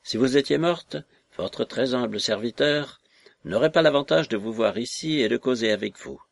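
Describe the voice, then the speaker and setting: A man reading aloud who voices a shrill, mocking and fawning little lame man, raising his voice to a yelp. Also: normal speed, creaky, dry recording. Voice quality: yelping, shrill. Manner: mocking, ingratiating, exclamatory. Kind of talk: audiobook character voice.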